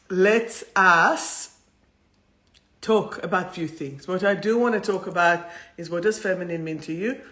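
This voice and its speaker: A woman with an Israeli accent and a medium, slightly bright voice hosts a livestream soul talk, chatty, effusive, playful and rambling as she discusses spiritual topics.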